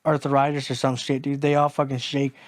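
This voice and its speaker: A man's voice: medium pitch, little pitch movement, a little fast, no echo, clean studio sound. A man co-hosting a podcast, talking casually with many fillers and curses. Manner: hesitant with many fillers, swears. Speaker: podcast co-host. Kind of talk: casual chat.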